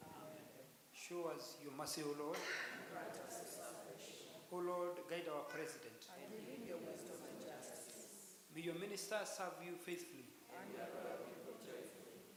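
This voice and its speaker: A man with a somewhat raised voice leads a church service, reciting creeds and prayers in a steady, measured way. His words ring out in a long cathedral echo, and a congregation speaks along behind him. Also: fairly high pitch, over a noisy crowd. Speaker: service leader. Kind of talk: leading church liturgy. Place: large church.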